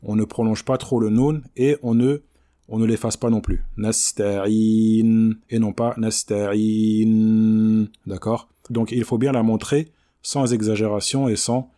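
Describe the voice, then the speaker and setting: A man teaching Quran recitation, speaking standard French with a patient manner and modeling words slowly and repeatedly. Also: medium pitch, fairly even intonation, mellow. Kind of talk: explanatory lesson on recitation.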